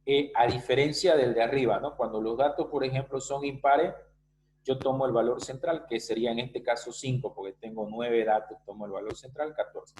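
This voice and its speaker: A man's voice: medium pitch, moderate pace, a little mellow, low-quality recording. A male teacher giving an online math lesson, explaining step by step and often checking that students follow. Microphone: video call.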